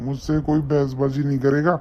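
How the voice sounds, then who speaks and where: A man voicing a drunk, aggressive young husband in an animated story, slurring and shouting down his wife. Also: mid-range voice, brisk, close to an everyday voice. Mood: belligerent. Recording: dull lo-fi with faint noise.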